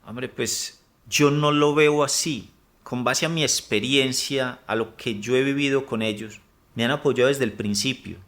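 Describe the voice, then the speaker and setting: A man's voice: medium pitch, a little slow, fairly bright tone. A man, a former soldier, giving earnest personal testimony and urging others to speak. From Colombia.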